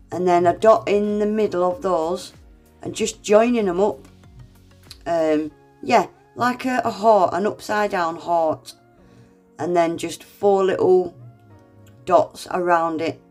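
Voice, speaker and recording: A woman with a medium-pitched, slightly mellow voice narrates a casual nail art tutorial step by step, though she sounds congested and unwell. She's chatty, makes fun of herself, and addresses her viewers as "guys."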